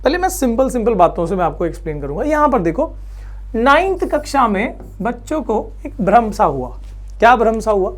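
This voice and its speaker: A male physics teacher from India lectures a class in a very high-pitched, sing-song voice, talking a little fast. Chatty and coaxing, he reassures students and asks questions he then answers himself.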